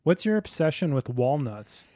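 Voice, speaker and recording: A man's voice: a little high, sing-song, moderate pace, mellow, no room sound, clean studio sound. A man hosting a podcast, asking questions and teasing his guest in casual chat. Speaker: podcast host.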